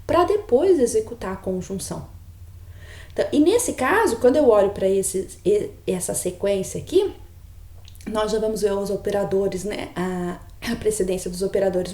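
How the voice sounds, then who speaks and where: In a recorded online lecture on logic, a woman explains things patiently and keeps checking in with her students. Her voice is a little high and warm, with an echoey room around it.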